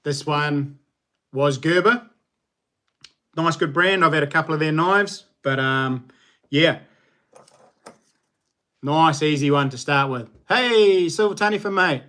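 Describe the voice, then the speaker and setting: A man's voice: fairly high pitch, fairly even intonation, slow pace, long pauses, bright, forceful tone. A man with a broad New Zealand accent hosting a casual livestream, chatting to viewers in an informal, slangy, matey way. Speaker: livestream host.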